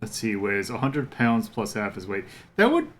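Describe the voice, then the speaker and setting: A man's voice: on the low side, very animated, normal speed, a little hiss or hum. A man streaming a game, musing and thinking aloud in casual commentary.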